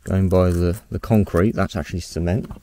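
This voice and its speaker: Low, mellow man exploring ruins. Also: steady tone, moderate pace, slight background noise. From Australia. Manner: curious, musing aloud, thinking on his feet. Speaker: exploration vlogger. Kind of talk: casual walkthrough narration. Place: outdoors at a ruined house.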